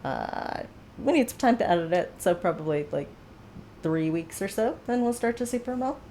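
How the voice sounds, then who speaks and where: A woman's voice: mid-range voice, lively intonation, normal speed, warm tone, a little hiss or hum. A woman hosting a livestream from home, chatting casually with viewers in a rambling way full of fillers and asides. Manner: rambling, filler-heavy, self-aware. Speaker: livestream host. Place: home, seated.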